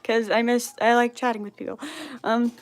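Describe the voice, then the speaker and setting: A woman's voice: on the high side, flat delivery, moderate pace, clear, resonant tone. A young woman chatting on a livestream while writing a script, repeating phrases to herself as she works.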